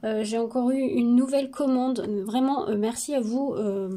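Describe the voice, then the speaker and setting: A woman chatting casually in her home craft studio vlog, with a cold, talking hesitantly with many fillers and pauses. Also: a little high, fairly even intonation, warm tone. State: sniffly with a cold. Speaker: craft vlogger.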